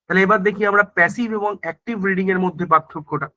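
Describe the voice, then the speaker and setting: A male teacher talks the class through exam prep, his voice high-pitched and ringing bright. he keeps checking that everyone follows, throws in tag questions and often stops to restart a word. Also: rapid-fire, dull audio. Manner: frequent self-corrections and restarts. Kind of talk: online exam-prep grammar lesson.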